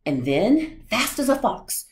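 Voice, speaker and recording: Animated young woman reading a storybook. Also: a little high, slow, roomy sound. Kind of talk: expressive storybook read-aloud. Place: small room indoors.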